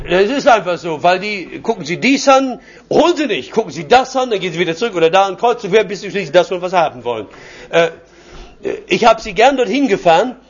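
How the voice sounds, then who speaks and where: An older man delivers a sermon built from stories of his own life, chuckling as he tells them. His voice sits high for a man. The recording is dull and lo-fi. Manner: anecdotal, chuckling storyteller. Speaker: preacher. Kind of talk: personal sermon testimony.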